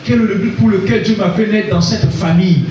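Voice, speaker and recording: A man from Congo preaching a sermon, calling out to the congregation for responses and rising to shouts. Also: high voice, fairly quick, dull audio, slight background noise. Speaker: pastor. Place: church hall. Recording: echoey hall, voice from far off.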